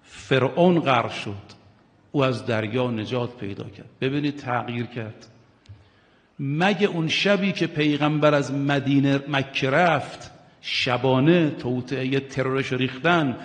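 Impassioned preacher, man, echoing hall. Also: mid-range voice. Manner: impassioned, swings between hushed and loud; addresses listeners directly, urging and questioning. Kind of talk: religious sermon. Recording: long hall reverb.

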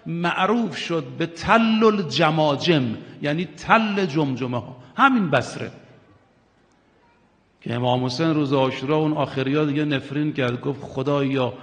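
Impassioned preacher, man, echoing hall. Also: a little high. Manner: impassioned, swings between hushed and loud; addresses listeners directly, urging and questioning. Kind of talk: religious sermon. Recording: long hall reverb.

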